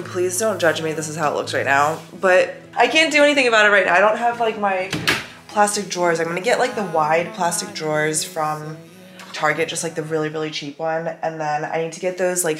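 A woman's voice: on the low side, roomy sound. A young adult woman talking casually to camera as a lifestyle vlogger, chatty and gushing with lots of fillers. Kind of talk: casual vlog talk to camera. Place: apartment rooms.

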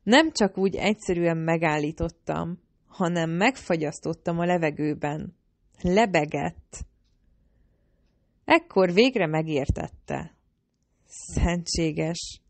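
Egy nő, aki élénken, kifejezően olvas fel egy hangoskönyvet egyes szám első személyben. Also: female voice, on the low side, long pauses, no room sound. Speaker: audiobook narrator. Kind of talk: first-person audiobook narration.

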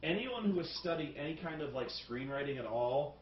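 A man with a slightly high voice hosts a casual film review, firing off profane, animated rants. He sounds distant from the mic in a roomy space. The sound is dull and muffled. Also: a little fast, slight background noise. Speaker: review show host.

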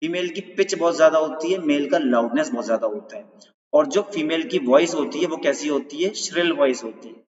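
A man's voice: on the high side, a little fast. A male teacher giving an exam-prep lecture in Hindi mixed with English terms, who keeps asking questions back and repeating the key points. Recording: roomy, distant, dull sound.

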